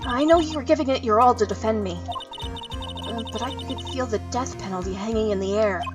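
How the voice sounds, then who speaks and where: A woman's voice: a little high, moderate pace, far from the mic, over music, natural voice. A woman voicing a cheerful, earnest young female spirit medium in a visual novel game. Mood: relieved. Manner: bright, earnest, playful.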